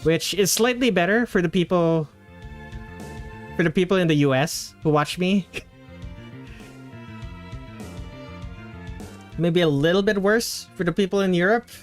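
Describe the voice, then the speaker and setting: A man's slightly high voice comes through a livestream headset mic with faint music underneath. He chats casually with viewers while he draws. He often stops mid-phrase and starts it over. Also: expressive, slow, long pauses. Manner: chatty, trails off and restarts mid-sentence. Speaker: streamer.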